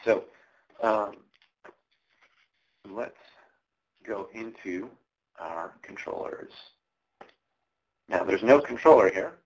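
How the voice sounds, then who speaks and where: A man who is losing his voice walks a conference audience through live code, explaining casually with plenty of ums and uhs. His voice is fairly low, the high frequencies are cut off, and there's slight background noise.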